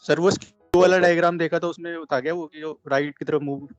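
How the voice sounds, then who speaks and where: A male student asks questions in class, hesitant and unsure. His voice is a little high and sounds dry and close. The recording is dull and muffled, with faint music underneath. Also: steady tone, brisk, no echo.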